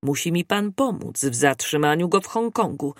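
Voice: mid-range voice, lively intonation, moderate pace, dry recording, clean studio sound, lightly acted. A reader voicing a cool, calculating male police inspector who speaks tersely and evenly. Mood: persuasive.

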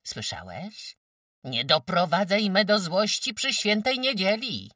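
A man voicing a fierce, domineering old peasant mother who scolds in shrill shouts. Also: wildly swooping pitch, measured pace, dry recording, studio quality, far from the mic, full character voice. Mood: furious.

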